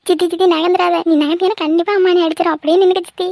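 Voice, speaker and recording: A woman's voice: extremely high pitch, flat delivery, very fast, creaky, a little mellow, no room sound, clean studio sound. A woman voicing a cheeky teenage schoolgirl who answers back to her mother in a cartoon. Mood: defiant.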